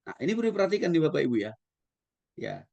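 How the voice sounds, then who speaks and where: A man's voice: on the high side, quick pace, creaky. Pastor guy teaching a bible class, voice goes up and down a lot, talks right to the audience. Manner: animated, demonstrates tones of voice, addresses the audience often. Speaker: pastor and Bible school lecturer. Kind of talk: theology lecture.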